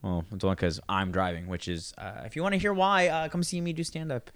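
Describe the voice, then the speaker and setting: A man's voice: mid-range voice, little pitch movement, fairly bright tone, smooth, no room sound. A man in his twenties hosting a podcast with friends, telling rambling stories with lots of restarts. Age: 20s. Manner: quick, rambling storytelling with restarts. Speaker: podcast host and stand-up comic. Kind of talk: casual chat.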